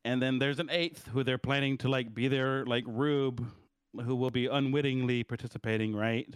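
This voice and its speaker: A man's voice: medium pitch, steady tone, moderate pace, smooth, no room sound. A man co-hosting a casual movie review podcast, rambling and profane, checking in with "right?" as he goes. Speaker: podcast co-host.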